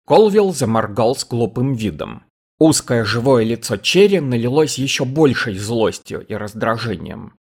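A man reading a science-fiction audiobook in steady scripted narration. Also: mid-range voice, normal speed, slightly rough. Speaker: audiobook reader.

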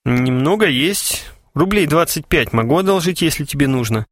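A man's voice: a little high, animated, moderate pace, a bit bright, dry recording, clean studio sound, voice pushed up. A man voicing a cheerful, ironic young man who teases his friends, with a wry, mocking delivery. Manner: wry, teasing. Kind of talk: audiobook character voice.

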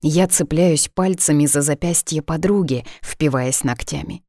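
A woman reading a first-person novel aloud, in a hushed, wounded, introspective way. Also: deep voice, unhurried, no echo, studio quality. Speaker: audiobook narrator.

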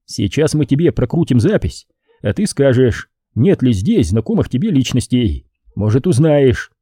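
Calm patient investigator guy, dark husky voice, dry close sound, as a reader does him. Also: medium pitch, dry recording. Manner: calm, measured.

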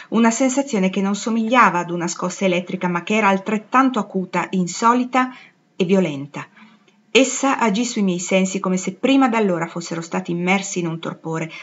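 A woman narrating a literary audiobook in an expressive, dramatic reading. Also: mid-range voice, highs cut off. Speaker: audiobook reader.

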